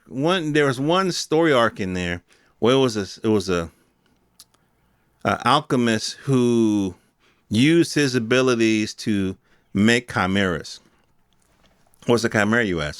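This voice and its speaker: A podcast host with a lowish, fairly bright voice goes on a casual, unscripted rant, using slang, some swearing, and rhetorical questions aimed at his listeners. The studio-quality recording has no echo.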